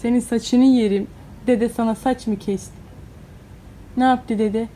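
A woman's voice: a little high, fairly even intonation, measured pace, mellow, slight background noise. A young woman, a mother chatting playfully with her small child in a casual home vlog. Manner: cooing, playful baby talk to a small child. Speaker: mother and vlogger. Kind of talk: casual family vlog chat.

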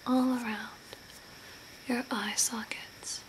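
In this whispered ASMR role play, a young woman takes on the part of a soothing, eerie zombie-makeover artist. Her breathy whisper is fairly high with little movement in pitch, and she stays slow, hushed, deliberate and spooky. The noisy, ambient home recording comes from a small room by a window, with the camera close at arm's length.

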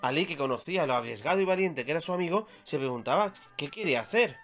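A man from Spain reads his children's story aloud, measured and expressive, with a slightly raised voice. Soft music runs faintly behind him throughout. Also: on the high side. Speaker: author reading his own story.

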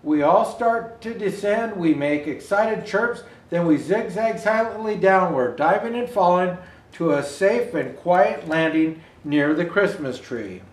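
An older Santa storyteller reads a children's picture book with plenty of expression, pausing for remarks to viewers. His voice is high and expressive, moving at a measured pace, recorded with roomy indoor echo.

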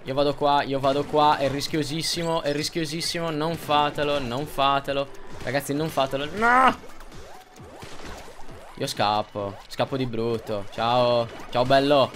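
A young man doing gameplay commentary, excitable, repeating himself and yelping when things go wrong. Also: mid-range voice, moderate pace, soft background music. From Italy. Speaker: gaming youtuber.

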